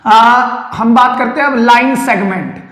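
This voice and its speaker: A man's voice: very high voice, fairly bright tone. Male maths teacher lecturing at a board, asking and answering his own questions, in a roomy space. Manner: keeps checking understanding with quick questions; asks students' questions and answers them himself. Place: room with a board.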